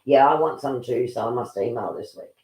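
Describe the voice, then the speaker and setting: A woman co-hosts a livestream over a video call, encouraging and reading out messages. Her voice is warm and mellow, with an echoey room ringing around it. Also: very deep voice, fairly quick. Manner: encouraging, reads out messages and adds advice. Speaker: livestream co-host. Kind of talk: casual livestream chat.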